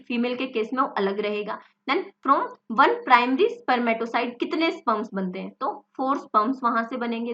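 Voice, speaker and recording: Woman lecturer with an Indian English accent, fairly high voice, asks and answers her own questions; dull, lo-fi audio. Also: fairly bright tone. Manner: explains step by step, asks questions then answers them. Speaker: nursing and medical lecturer. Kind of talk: lecture mixing Hindi and English.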